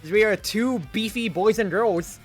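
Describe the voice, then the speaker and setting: A man streaming a game, chatting casually and rambling, with loud outbursts when the play gets exciting. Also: high-pitched, normal speed, faint music behind. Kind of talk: casual gameplay commentary.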